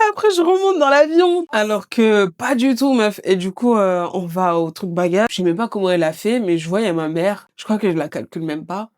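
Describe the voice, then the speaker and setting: A woman's voice: lowish voice, fairly quick, few pauses, darkish tone. A young woman from Mayotte, a podcast host telling her own life story in a casual, colloquial way, swearing now and then and acting out what others said. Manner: colloquial and candid, swears, acts out the voices of others.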